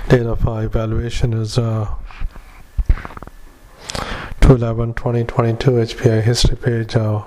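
Doctor dictating into a dictaphone: flat, unvarying delivery and a halting read full of "uh"s, with a faint hiss under the recording. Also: male voice, mid-range voice, rough recording. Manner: halting, with many drawn-out "uh"s. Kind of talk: medical dictation.

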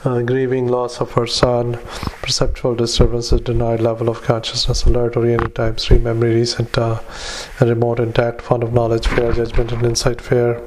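A man who is a doctor, dictating clinical notes into a dictaphone, halting often with drawn-out "uh"s. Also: medium pitch, completely flat delivery, a little mellow, a little hiss or hum, poor audio. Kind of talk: medical dictation.

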